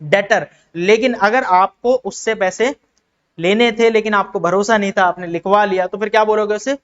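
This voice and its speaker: An Indian man teaches an accounting lesson in a high-pitched voice on a muffled recording. He poses questions to students and answers them himself, repeats key terms, and acts out quick exchanges in other voices, classroom style.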